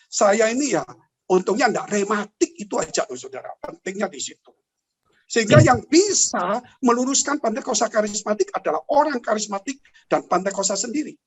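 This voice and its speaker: A man, a pastor, teaching in a church talk show, speaking to his listeners directly with rhetorical questions and acting out the stories he tells. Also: high-pitched. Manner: animated, rhetorical questions, addresses listeners as brothers and sisters; storytelling with vivid acted-out exclamations.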